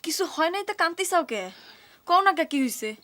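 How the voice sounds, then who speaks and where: An actress playing a gentle young village woman in a TV drama. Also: very high-pitched, animated, fast. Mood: pleading. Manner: pleading, gentle. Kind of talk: television drama acting.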